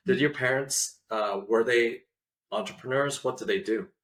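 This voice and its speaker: A man hosting a podcast, reading a scripted introduction and asking relaxed follow-up questions. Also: mid-range voice, normal speed, poor audio. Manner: scripted intro, then easy conversational questions. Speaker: podcast host.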